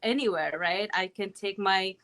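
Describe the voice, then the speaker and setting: Joining a casual interview by video call from home in Calgary, an earnest woman in her thirties from Afghanistan speaks at a moderate pace in a medium-pitched, slightly bright voice. She works as an accountant and runs an online business, and "you know" and "right" crop up often in her talk.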